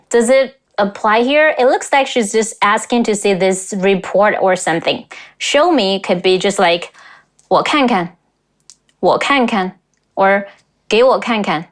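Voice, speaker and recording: A young woman from China hosting a reaction video, explaining and slowly demonstrating pronunciation and tones. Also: mid-range voice. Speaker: host and language teacher.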